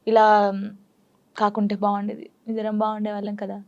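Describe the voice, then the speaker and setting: A woman's voice: mid-range voice, completely flat delivery, a little mellow, dull audio. A young adult woman talking candidly and emotionally as a guest in a casual interview. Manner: candid, emotional, quick storytelling.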